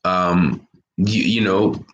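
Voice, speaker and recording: A man's voice: low-pitched, very slow, lo-fi sound, slight background noise. An American man talking straight to camera in an opinionated monologue, emphatic, repeating his key phrases and listing words one at a time. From United States. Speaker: vlogger. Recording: roomy echo.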